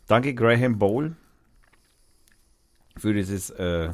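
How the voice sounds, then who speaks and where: A man's voice: medium pitch, big pitch swings, drawn-out words, darkish tone. A man hosting a casual radio show, announcing songs in a rambling way as he searches for words and corrects himself. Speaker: radio host.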